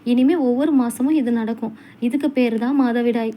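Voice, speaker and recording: A woman's voice: a little high, fairly even intonation, moderate pace, dark tone, slight background noise, lightly acted. A woman voicing a caring widowed father who talks to his daughter tenderly and anxiously. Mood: soothing. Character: caring widowed father, middle-aged man.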